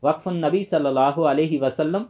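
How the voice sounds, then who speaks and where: A man's voice: on the high side, a little mellow. Methodical man teaching tajweed rules. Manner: methodical, lists points by number and defines terms. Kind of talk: exam-prep lecture.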